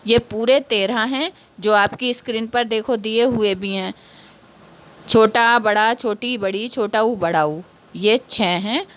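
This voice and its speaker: A woman's voice: a little high, takes it slowly, lo-fi sound. A woman, a teacher explaining a lesson patiently, repeating key points and answering her own questions. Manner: ends points with a checking "okay". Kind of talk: classroom lesson.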